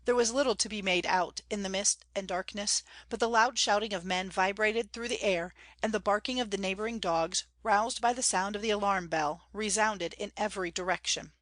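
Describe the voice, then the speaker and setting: A woman reads a classic novel aloud at an even pitch, measured and expressive. Her voice sounds close and dry, with no room around it. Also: no room sound. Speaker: audiobook reader.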